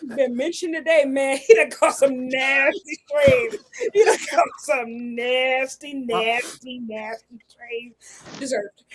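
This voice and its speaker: A woman in her twenties co-hosting a casual charity stream, animated and slangy, quick to laugh. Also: high voice. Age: 20s. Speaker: co-host.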